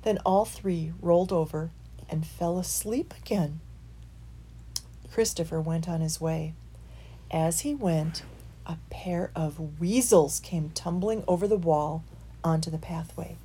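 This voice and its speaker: Woman reading a bedtime story to kids, slow and husky, goes hushed and whispery. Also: sits low.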